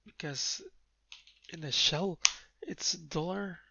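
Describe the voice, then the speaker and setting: A man codes live and thinks aloud in a slow, husky voice with a gravelly rasp. He mutters to himself and restarts his sentences as he goes. The dull, lo-fi mic picks up the clatter of his keyboard. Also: a little high, bright, forceful tone. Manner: muttering, self-talk with fillers and restarts. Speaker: live coding streamer. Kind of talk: casual think-aloud while coding.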